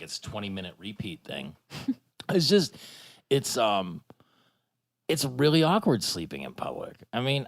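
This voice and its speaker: Animated low-voiced man joking. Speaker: podcast host. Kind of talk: casual chat.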